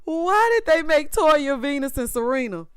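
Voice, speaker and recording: Sassy, animated woman recapping reality TV. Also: high voice, moderate pace, no room sound, studio quality. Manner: sassy, animated, drawling slang. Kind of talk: casual recap commentary.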